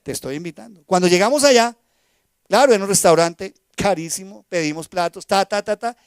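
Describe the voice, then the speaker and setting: A male pastor delivers a sermon in a fairly high voice, captured close and dry with little room sound. He swings from loud, emphatic lines to quiet asides and keeps asking the congregation questions. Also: brisk, smooth, dry recording. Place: church sanctuary.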